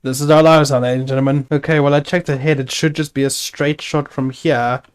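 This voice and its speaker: A man's voice: mid-range voice, little pitch movement, fairly quick, clean tone. A man hosting a gaming video, giving casual gameplay commentary, chatty and self-narrating with wry asides.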